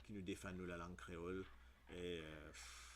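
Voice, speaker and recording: A man with a Mauritian Creole accent hosting a casual radio lesson, spelling words out letter by letter and pausing often on fillers. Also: low voice, flat delivery, a little hiss or hum.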